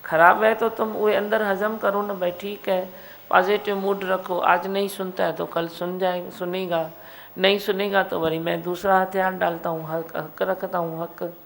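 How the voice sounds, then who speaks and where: Gravelly woman preaching. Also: on the low side, unhurried, a little hiss or hum, low-quality recording. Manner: animated, scolding then coaxing, rhetorical questions. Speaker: spiritual teacher. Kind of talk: satsang discourse.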